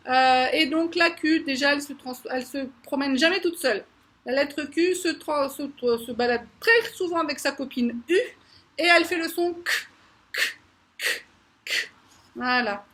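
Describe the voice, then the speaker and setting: Animated high-voiced woman teacher. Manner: animated, repeats each letter sound slowly several times. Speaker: preschool teacher. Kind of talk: explaining letter sounds to parents.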